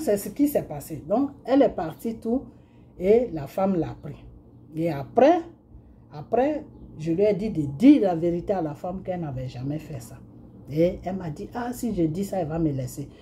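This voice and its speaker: A middle-aged woman from Côte d'Ivoire speaks with an Ivorian French accent and a very dark, mellow tone. She recounts a personal testimony in a relaxed conversational way, full of fillers and acted-out dialogue. A faint noise sits under her voice. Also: on the low side. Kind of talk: spoken testimony, storytelling.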